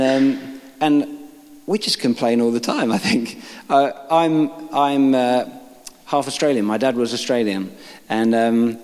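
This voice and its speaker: A man's voice: medium pitch, a little mellow. A man giving an informal sermon, reading scripture aloud and making joking asides to the congregation. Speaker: preacher. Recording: long reverb of a large hall.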